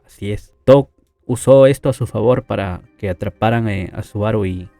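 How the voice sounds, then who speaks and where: A man's voice: fairly low pitch, normal speed, vocal fry, mellow, no echo, soft background music. Chatty man recapping a story, dry sound. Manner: chatty, loose retelling with many fillers and tag questions. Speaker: anime story narrator. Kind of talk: casual spoken story recap.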